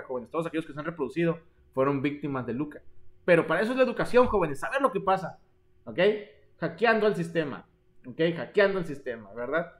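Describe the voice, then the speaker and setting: A man leads a live-streamed biology class for exam prep. He talks in a joking, theatrical way and keeps turning to his students as "jóvenes". His voice sits a little higher than most men's. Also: a bit bright. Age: 30s. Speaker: online biology teacher.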